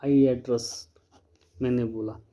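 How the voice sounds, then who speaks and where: A man giving a casual vlog lesson, explaining slowly, repeating himself and spelling words out letter by letter. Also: medium pitch, steady tone, dark tone. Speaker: teacher.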